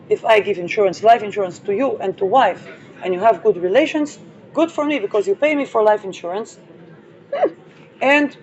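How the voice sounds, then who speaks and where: A woman's voice: on the high side, darkish tone. A woman hosting an astrology channel who talks in a rambling, digressive way, with playful asides and frequent fillers. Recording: dull lo-fi audio with vehicle noise.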